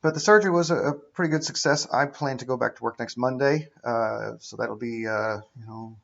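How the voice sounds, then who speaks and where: A middle-aged man talks casually and haltingly, explaining things in a plain, matter-of-fact manner as a patient would. His voice has an ordinary medium pitch. The sound is dull and lo-fi, like a webcam microphone in a living room. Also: gravelly, fairly bright tone. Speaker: patient recounting his own surgery. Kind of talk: casual explanatory vlog monologue. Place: indoors, living room with high ceiling.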